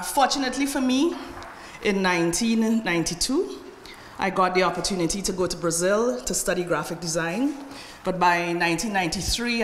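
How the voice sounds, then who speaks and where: A middle-aged woman from Trinidad and Tobago, her voice a little low, delivers a conference talk in a measured, personal style, tagging lines with "right?" to check in with listeners. A distant camera catches her podium microphone in a roomy, echoey lecture hall with long reverb and faint background noise.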